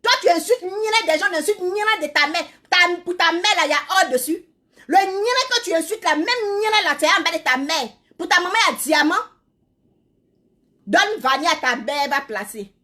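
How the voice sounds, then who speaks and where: A woman delivering a loud, scolding rant full of repeated insults. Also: very high-pitched, animated, normal speed. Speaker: social media creator. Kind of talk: angry insult-filled rant.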